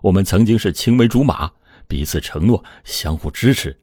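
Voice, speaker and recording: A man's voice: low voice, lively intonation, normal speed, darkish tone, husky, no room sound, studio quality. A man voicing a hurt, desperate young husband in a dramatized true-crime retelling, pleading and lashing out. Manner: pleading, then heated outbursts.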